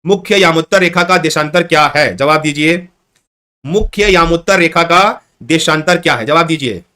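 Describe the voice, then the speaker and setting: A man's voice: a little high, moderate pace, sharp tone. A man teaching a live online exam-prep class, repeating questions and coaxing his students to answer. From Chhattisgarh, India.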